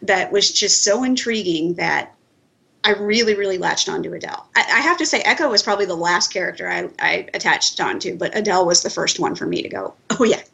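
A woman's voice: fairly low pitch, a little fast, creaky, sharp tone, husky. A woman co-hosting a podcast in casual chat, talking in a loose way full of "like" and "you know". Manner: chatty, uses "like" and "you know". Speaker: podcast co-host.

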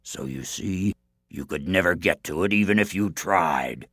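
Storybook giant, grumbling and surly, very low and gravelly, slow, as a male narrator puts him on. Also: a bit bright, no room sound, studio quality. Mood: reluctant.

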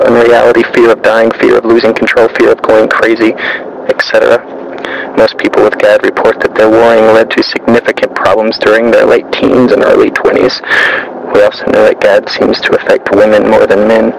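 Reading a scripted literary piece aloud as its narrator, this man speaks in a lowish, crackly voice marked by vocal fry. He keeps a measured, very flat delivery with little pitch change, while the recording carries noticeable background noise.

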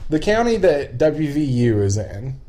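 A man's voice: a little high, sing-song, unhurried, mellow. A man who works in local TV news, chatting casually with friends, rambling and swearing as he tells stories. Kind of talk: casual chat.

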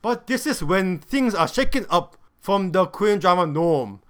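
A man's voice: high voice, animated, normal speed, fairly bright tone. A man giving a scripted review of a television drama, with dry, sarcastic humor.

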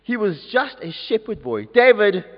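A man's voice: sits high, moderate pace. A man leading an interactive children's story at a church service, coaxing the audience to join in with actions. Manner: animated, coaxing audience participation. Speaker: youth leader telling a story at a service. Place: large church. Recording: dull echoey church recording.

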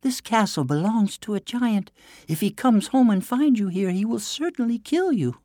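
A man voicing a young princess who is frightened but clever, speaking in a high, urgent, pleading way. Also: lively intonation, moderate pace, warm tone, no echo, clean studio sound. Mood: alarmed.

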